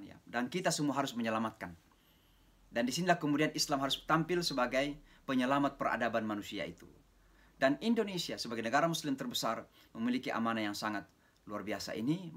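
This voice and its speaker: Man, religious lecturer on a video call, lively storyteller who voices his listeners. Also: medium pitch. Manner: animated storytelling, mimics voices of listeners, mixes English phrases. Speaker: preacher giving a talk.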